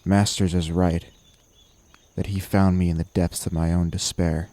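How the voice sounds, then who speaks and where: A man narrating a horror audio story in first person, his voice deep and dark. His delivery is measured and gritty, and the sound is dry and close to the mic. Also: level tone, no echo.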